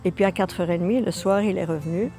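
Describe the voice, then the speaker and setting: An older woman from Belgium, telling her immigration story in a documentary with lively, repetitive emphasis. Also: medium pitch, fast talker, soft background music. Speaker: interviewee. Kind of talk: documentary testimony.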